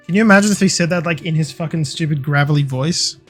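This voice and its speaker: Chatty streamer, slightly high voice. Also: male voice, fast, soft background music. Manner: chatty, swears freely, playful rants. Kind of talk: casual live-stream chat while gaming.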